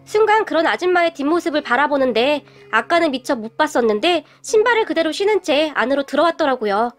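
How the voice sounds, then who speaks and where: A woman narrating a listener's story in a steady, even way. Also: high-pitched, fast, faint music behind.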